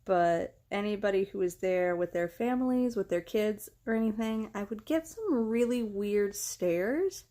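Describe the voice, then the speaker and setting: In a medium-pitched, dark voice, a young adult woman from the United States vlogs about herself. She keeps things casual, candid and conversational, with a self-deprecating streak.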